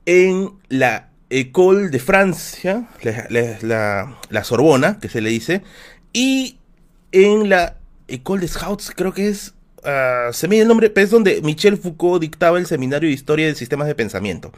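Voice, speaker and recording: A man's voice: a little high, very animated, measured pace. A man with a Peruvian Spanish accent, casually telling a personal anecdote on his live stream, full of slang and fillers. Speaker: livestream host.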